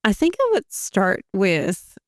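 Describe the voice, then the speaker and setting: A woman's voice: mid-range voice, wildly swooping pitch, slow pace, dry recording, clean studio sound. A woman as a guest on a podcast, talking thoughtfully about leadership and often searching for her words. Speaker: podcast guest, HR and culture consultant. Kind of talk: conversational interview.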